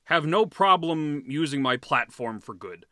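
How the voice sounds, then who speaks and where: A man's voice: fairly high pitch, expressive, a little slow, bright, forceful tone, no echo, clean studio sound. A man co-hosting a podcast in casual chat, ranting heatedly, swearing freely and laughing often. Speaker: podcast co-host.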